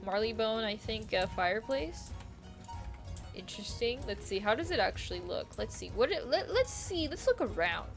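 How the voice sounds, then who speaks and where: A woman's voice: fairly high pitch, sing-song, normal speed. A young woman streaming a game, chatting casually and rambling, with frequent giggles and casual swearing. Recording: faint music behind.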